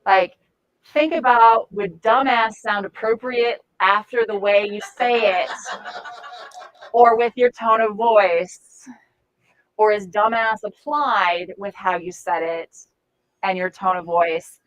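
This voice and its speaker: A woman's voice: medium pitch, takes it slowly, highs cut off. A woman giving a volunteer training talk, blunt and profane, acting out example phrases.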